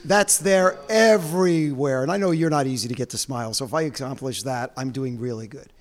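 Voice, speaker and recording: A man's voice: mid-range voice, fast. A man interviewing a band, teasing and joking as he asks questions. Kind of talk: casual interview.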